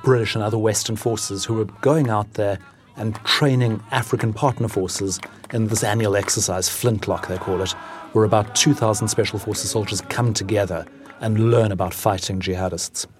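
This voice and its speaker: A man, an Africa editor, explaining in a measured way what he saw on a reporting trip, in a news podcast interview. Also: fairly low pitch, fairly even intonation, faint music behind.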